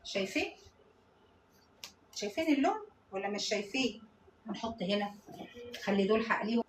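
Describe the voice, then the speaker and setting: A woman's voice: mid-range voice, lively intonation, fairly quick, slight background noise. A woman with an Egyptian Arabic accent, hosting a home cooking video and chatting with viewers as she works. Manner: chatty, talks to viewers while she cooks. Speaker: cooking channel host. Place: home kitchen. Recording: echoey kitchen with dish and pan clatter.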